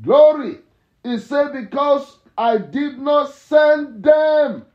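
A male pastor delivers a fervent morning sermon with heavy repetition and sudden shouts. His voice sits very high and he drags out each phrase slowly. The recording is echoey and dull, like a lo-fi room capture.

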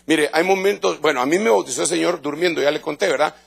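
A man's voice: fairly high pitch, quick pace, vocal fry, a little hiss or hum. A middle-aged man with a Guatemalan accent preaching an evangelical sermon in a church, speaking emphatically and conversationally to the congregation and often repeating his words. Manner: repeats words and restarts phrases. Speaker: pastor.

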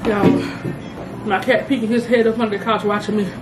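A woman's voice: mid-range voice, fairly even intonation, a little fast, background noise. A young woman chatting casually in slangy, profane talk while eating, her mouth burning from hot, spicy food. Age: young adult. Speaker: food challenge vlogger. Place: indoor dining room at home.

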